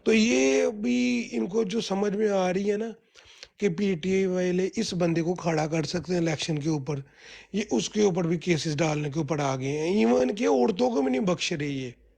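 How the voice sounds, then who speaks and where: A man's voice: high voice, a little slow, gravelly, a little mellow. A man in rambling, heated political commentary on a group call, full of restarts and fillers.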